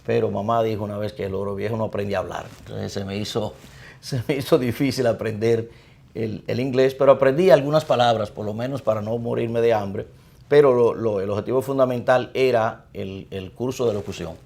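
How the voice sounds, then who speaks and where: Fairly even intonation marks this middle-aged priest's low, gravelly, fry-tinged voice, which has a darkish tone and a Dominican Spanish accent. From the Dominican Republic, he talks through his life in a measured, reflective manner as an interviewee.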